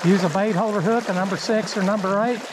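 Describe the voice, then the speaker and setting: A man's voice: high-pitched, steady tone, fast. A man hosting a fishing video outdoors by a creek, talking in a plain-spoken, folksy way. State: out of breath. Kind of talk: outdoor fishing vlog talk. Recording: loud outdoor water noise.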